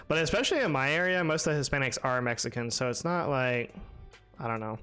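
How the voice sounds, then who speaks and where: Smooth-voiced rambling male game streamer. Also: medium pitch, animated, quick pace, sharp tone, faint music behind. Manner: rambling, filler-heavy, answers chat by name. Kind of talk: casual live-stream chat.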